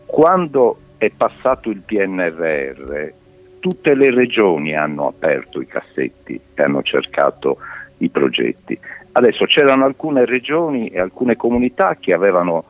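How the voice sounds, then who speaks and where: A deep-voiced middle-aged man talks over a landline phone, his voice dulled and lo-fi on the line. He is a mayor answering questions in a live radio interview. He speaks earnestly and deliberately, with hesitations and restarts. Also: very animated. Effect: heard over a landline phone.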